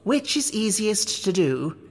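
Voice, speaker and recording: A reader voicing a gentle, dithering storybook queen with a dainty, cooing manner. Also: medium pitch, sing-song, slow pace, in a large hall, pitched above the performer's own voice, exaggerated voice. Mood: reciting riddle.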